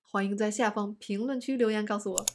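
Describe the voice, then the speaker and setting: A woman teaching an online language lesson, explaining words slowly and stressing each example. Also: medium pitch, fairly even intonation, noisy background.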